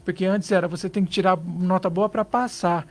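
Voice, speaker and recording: A Brazilian man with a notably high-pitched voice speaks as a psychologist guest in a radio studio. He advises earnestly, leaning on rhetorical questions to press his points. His pace is conversational. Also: steady tone, a little fast. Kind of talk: radio interview advice.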